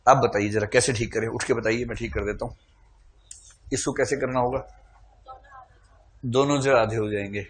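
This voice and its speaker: A man's voice: medium pitch, fairly even intonation, moderate pace, pauses often. A male teacher giving a classroom lecture in a medium voice. He talks in a playful, teasing way, quizzing the class and putting students on the spot.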